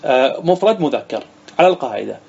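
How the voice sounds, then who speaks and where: A man's voice: mid-range voice, big pitch swings, fast, gravelly, a little mellow, husky, lo-fi sound. A man, a sheikh, teaching an Arabic grammar lesson, reading a text aloud, then explaining it and quizzing his students.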